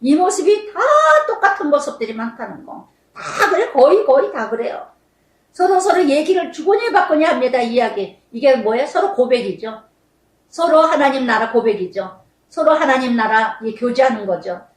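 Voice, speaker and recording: A middle-aged woman pastor preaching a sermon, emphatic, repeating phrases and swinging between loud and soft. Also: high-pitched, lively intonation, normal speed, reverberant, distant mic, rough recording.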